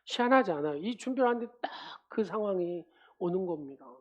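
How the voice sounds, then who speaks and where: A woman pastor preaches, pressing each point with repeated phrases. She keeps turning to the congregation with questions. Her voice sits at an ordinary middle pitch for a woman. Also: expressive, fast talker, highs cut off. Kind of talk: sermon. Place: church service.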